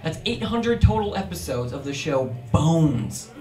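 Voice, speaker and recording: A man's voice: on the high side, a little slow, over loud music. A young man performing a stand-up comedy set in a club, telling stories with energy and acting out voices. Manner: energetic storytelling, acts out voices. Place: comedy club in front of a crowd. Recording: roomy club sound from a distance with audience.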